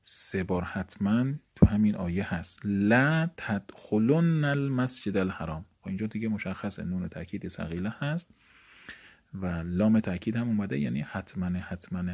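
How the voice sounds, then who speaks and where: Man, low voice, teacher, patient step-by-step grammar explanation. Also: gravelly, mellow, slightly rough. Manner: explanatory, repeats words for emphasis, addresses listeners politely. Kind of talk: classroom grammar lesson.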